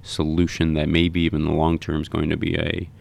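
A man hosting a podcast interview, talking in a halting way and often repeating words. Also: extremely low pitch, monotone, vocal fry, a little mellow. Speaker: podcast host.

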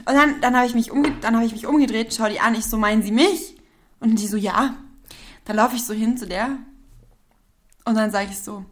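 A young woman co-hosting a podcast in a southern German dialect, with a slightly high voice. She talks casually over drinks, swears freely and laughs often. She tells her stories with lively energy. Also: brisk. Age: young adult. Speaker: podcast co-host.

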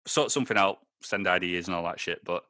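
A young man with a Scottish accent hosts a relaxed podcast chat. His voice sits low and close, with a dry sound and no room around it. He rambles, swears freely and laughs a lot. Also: quick pace, no room sound. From Scotland. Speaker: podcast host. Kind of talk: casual chat.

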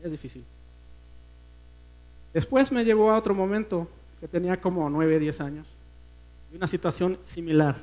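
A man with a Mexican accent preaching a personal testimony at a church service, earnest and emotional, often dropping to a hush. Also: high-pitched, brisk, rough recording. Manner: earnest, emotional storytelling that often sinks to a hushed voice.

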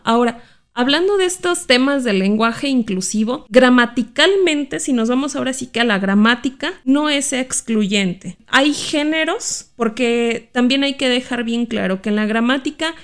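Speaking at a moderate pace in a slightly high voice, a female guest expert reflects carefully on inclusive language during an interview, asking rhetorical questions as she explains.

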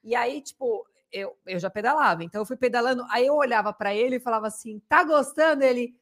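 A woman's voice: on the high side, quick pace. A woman, co-hosting a podcast in casual, chatty talk, laughing often. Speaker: podcast co-host. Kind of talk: casual chat.

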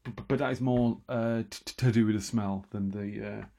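A man talking quietly and wryly at night from a room in his house, hosting a solo radio show with lots of asides and restarts. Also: on the low side, fairly even intonation, fairly quick, gravelly. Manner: self-deprecating, wry, full of asides and restarts; talking quietly, half-whispering at times. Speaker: radio host. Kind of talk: rambling late-night solo radio chat.

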